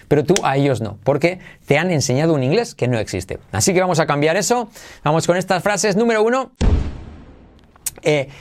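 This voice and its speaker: A man hosting an energetic English lesson, repeating phrases slowly for learners. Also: fairly high pitch. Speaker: English teacher, channel host. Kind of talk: energetic online language lesson.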